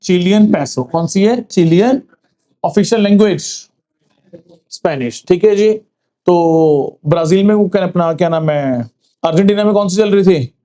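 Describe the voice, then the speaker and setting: A male teacher quizzing a class for exams, repeating answers and slowing down to read English facts. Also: high voice, dark tone. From Punjab, India. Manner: quizzing, asks then answers with "sir", slows for reading English facts. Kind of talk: classroom exam-prep lecture.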